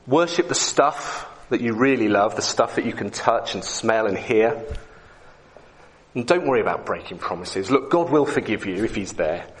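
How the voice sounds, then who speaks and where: A man's voice: fairly low pitch, animated, normal speed, natural voice. A man playing a false teacher who talks in a casual, coaxing and dismissive way. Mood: breezy. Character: man, a smooth false teacher with breezy lies.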